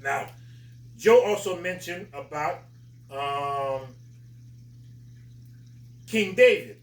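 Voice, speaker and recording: A man hosting a talk, explaining religious stories in a halting, emphatic storytelling way. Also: on the high side, animated. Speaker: host, religious teacher. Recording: roomy echo, distant from mic.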